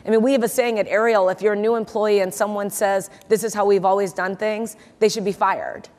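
A woman in her forties, an investor and keynote guest, is interviewed on a large conference hall stage, her lapel mic picking up a long hall reverb. Her medium-pitched, darkish voice is brisk and fairly even, and she speaks confidently, repeating words for emphasis.

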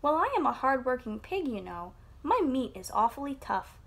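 A woman's voice: high-pitched, big pitch swings, normal speed, heavily acted. A woman voicing a clever, cheeky little male piglet in a storybook, sweetly sly with a squealing edge.

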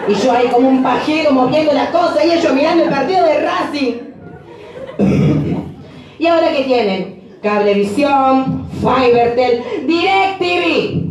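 A man's voice: extremely high pitch, expressive, a little slow. A man with an Argentine accent from Entre Ríos performing a live one-man comedy show, with brash, chatty banter toward the crowd. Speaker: stand-up comedian. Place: municipal cultural center stage, live. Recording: very echoey hall, distant mic.

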